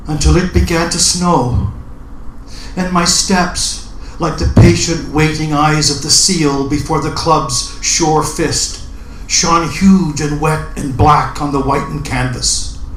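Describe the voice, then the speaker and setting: A man at an open mic, introducing and reciting his poetry with measured, deliberate phrasing. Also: a little high, fairly bright tone. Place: indoor open mic event room. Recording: roomy live recording with background noise.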